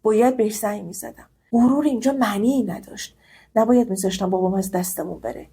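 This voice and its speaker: A woman's voice: mid-range voice, vocal fry, mellow, slightly rough. A woman narrating a first-person audio story in an emotional, intimate way.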